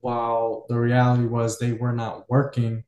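A man's voice: medium pitch, monotone, normal speed, a little mellow, reverberant, muffled recording. A man hosting a podcast, musing at length in casual conversation with many fillers. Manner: reflective, loosely structured, many fillers. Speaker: podcast host.

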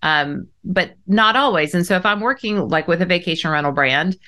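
A woman's voice: lowish voice, lively intonation, moderate pace, sharp tone. A woman with a light Southern accent hosting a podcast, talking in a direct, chatty way with plenty of fillers. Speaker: podcast host. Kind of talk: casual podcast conversation.

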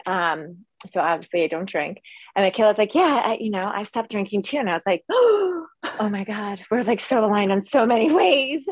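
Excitable young woman podcast cohost, gushy and bubbly. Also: medium pitch, no room sound. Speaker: podcast co-host. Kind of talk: enthusiastic podcast chat.

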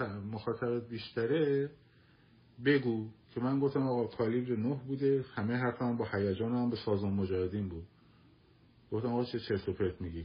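Male livestream host, insistent and combative, repeats himself, middle-pitched voice, muffled lo-fi sound. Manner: argumentative, repeats himself for emphasis. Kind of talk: casual live talk answering listeners.

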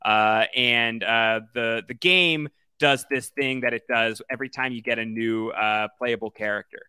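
A man co-hosting a casual podcast about a video game, chatty and full of fillers, animated when he quotes characters. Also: mid-range voice, normal speed, clear, resonant tone, no room sound, clean studio sound. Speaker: podcast co-host.

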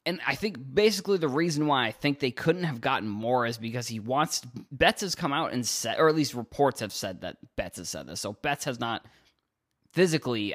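A young man from Cape Cod, Massachusetts, hosts a casual solo sports podcast, rambling, stumbling over words and restarting sentences. His voice is medium in pitch with a fairly bright tone.

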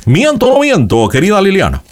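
A man's voice: sits high, wildly swooping pitch, a little fast, background noise. A man playing a theatrical TV psychic. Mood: dramatic. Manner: dramatic, sing-song, leading questions. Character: theatrical male psychic reading cards and shells. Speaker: fortune teller on a call-in. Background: background music.

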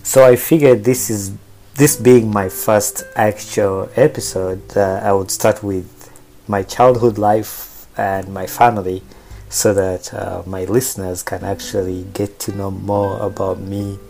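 A Ugandan man around thirty, hosting a podcast and casually telling his own life story in an unhurried way with pauses and fillers. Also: lowish voice, fairly even intonation, gravelly, dark tone, faint music behind. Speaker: podcast host.

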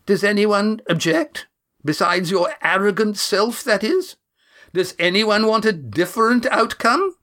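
A woman's voice: medium pitch, animated, unhurried, a bit bright, voice pushed up. A man reading a story, voicing a haughty woman who speaks with cutting scorn. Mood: scornful. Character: haughty sneering woman, mocking.

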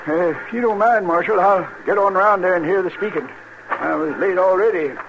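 An actor playing a flustered old sheep farmer in a radio western, with a folksy, rambling rural Western American drawl. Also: male voice, high voice, brisk. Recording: dull, noisy old radio recording.

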